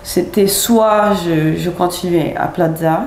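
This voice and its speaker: Soft-spoken woman in an echoey room. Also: fairly low pitch, slight background noise. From Brazil. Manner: soft-spoken, hesitant, halting. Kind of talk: casual interview.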